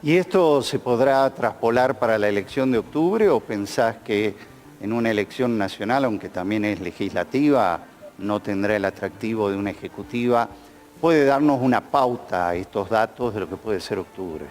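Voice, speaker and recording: A man's voice: fairly low pitch, moderate pace, darkish tone, faint music behind. Man asking long questions. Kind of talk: interviewer questions.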